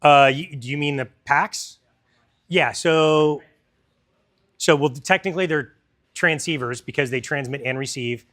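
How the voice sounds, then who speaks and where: A man's voice: fairly high pitch, measured pace, pauses often, fairly bright tone. Man giving a casual product demo. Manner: casual, chatty, explains technical details. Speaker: product presenter. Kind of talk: in-store product demo talk.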